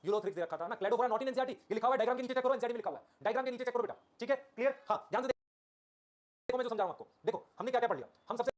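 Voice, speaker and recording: A man teaching a biology class live online, repeating key terms and asking "okay? clear?" while calling his students children. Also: very high-pitched, very fast. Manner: addresses students affectionately as children.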